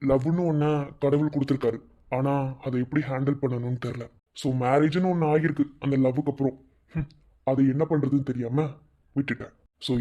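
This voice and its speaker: A man voicing a calm male rival who gives earnest advice in a low, measured way. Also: natural voice.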